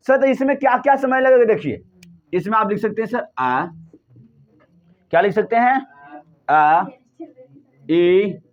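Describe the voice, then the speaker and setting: A man's voice: high voice, phone-quality sound. A male teacher giving a classroom lesson, drilling his students with repeated questions and answering them himself.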